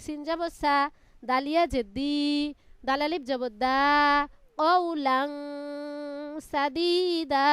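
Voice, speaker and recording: A woman's voice: high-pitched, no echo. A woman teaching Quran reading in a live online class, chanting Arabic letters syllable by syllable and explaining recitation rules. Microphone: online class call.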